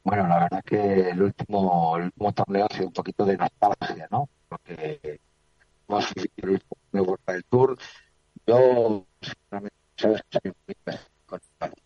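A man speaking as a panel guest in a casual debate, heard over a choppy, low-quality online call, talking in a halting, conversational way. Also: dark tone, no echo. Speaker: panel guest, padel pundit. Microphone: video call. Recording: dull, lo-fi internet connection.

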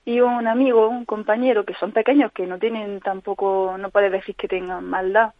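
A woman tells her story in an interview. She speaks earnestly, pausing and restarting often. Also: mid-range voice, fairly even intonation, dry recording. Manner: earnest, halting, frequent restarts. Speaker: guest, mother living with chronic pain. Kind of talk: personal account in a call-in interview. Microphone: telephone. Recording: tinny phone line on radio.

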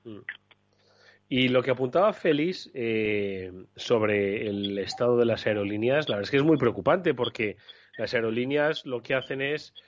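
A man's voice: medium pitch, moderate pace, dry recording, lo-fi sound. A man hosting a radio panel discussion, putting questions to his guests with many fillers. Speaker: radio show host.

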